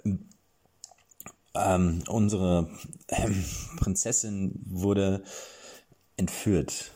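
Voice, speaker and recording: A man's voice: lowish voice, very animated, measured pace, darkish tone, voice pushed up. A man voicing a nervous young knight in an audiobook, stammering and hesitant. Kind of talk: audiobook character voice. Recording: clear background music.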